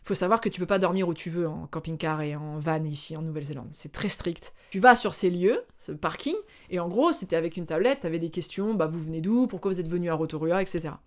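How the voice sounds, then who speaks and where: A slightly low-pitched woman from France chats to camera as a vlogger, telling a story in an animated way. She acts out bits of dialogue and often hesitates on filler sounds. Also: quick pace.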